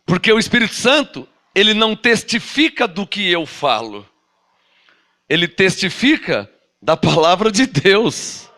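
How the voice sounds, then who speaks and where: A man preaching a sermon as an apostle with a Brazilian Portuguese accent, animated and full of rhetorical questions, acting out doubters. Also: sits high, a little slow.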